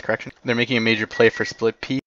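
A man commanding players in an online war game, giving clipped orders and quick corrections over voice chat. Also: mid-range voice, flat delivery, fairly bright tone, no room sound, muffled recording.

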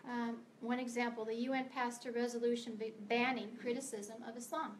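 A woman's voice: a little high, little pitch movement, a little fast, slight background noise. A middle-aged American woman giving a prepared speech to a meeting as a guest author, earnest and emphatic, sometimes stumbling over words. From United States. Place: meeting room of a library.

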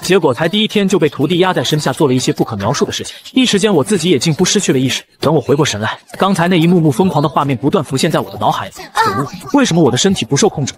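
Rapid-fire male comic recap narrator. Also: on the high side, expressive. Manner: exaggerated, exclamatory first-person narration. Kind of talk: fast manga recap narration.

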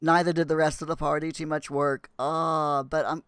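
A man's voice: on the high side, level tone, normal speed, fairly bright tone, clear, resonant tone, no echo, clean studio sound. A man chatting casually while live-streaming a game, rambling and restarting his sentences.

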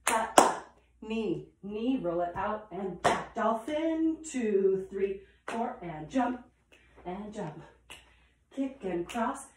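A woman's voice: medium pitch, background noise. A woman teaching a dance combination, calling out the steps in rhythm with chatty asides, in a room at home. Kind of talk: counting through a dance combination. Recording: echoey room.

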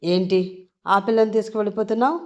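A woman voicing a menacing, arrogant male villain who sneers and threatens loudly. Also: lowish voice, moderate pace, muffled recording, close to an everyday voice. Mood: harsh.

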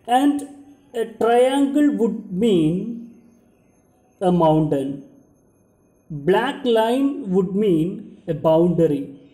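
Young guy lecturing like a teacher, really soft mellow tone, repeats his points, echoey room. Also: sits high, sing-song, drawn-out words, long pauses. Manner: lecturing, explanatory, repeating and rephrasing key points. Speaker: geography teacher. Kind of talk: slide lecture. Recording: roomy indoor echo.

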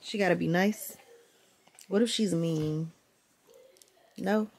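Speaking slowly in a lowish voice with an Atlanta accent, a young mom vlogs from her bedroom, laughing and joking with viewers and her daughter. She was born in New Orleans and raised in Atlanta; the close handheld camera also picks up crowd noise.

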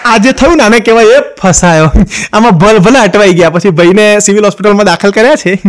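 A man's voice: high voice, fast talker, some chatter behind. A man with a Gujarati accent from Ahmedabad, telling jokes as a stand-up comedian and acting out the quoted wives and husbands in raised voices. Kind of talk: Gujarati joke telling to camera.

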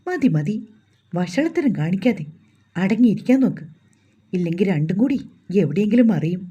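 A shy, flustered young bride-to-be, voiced by a woman storyteller. She scolds in a lively, breathy voice with a dark, mellow tone. The audio is slightly dull and lo-fi. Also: medium pitch, normal speed. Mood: flustered scolding.

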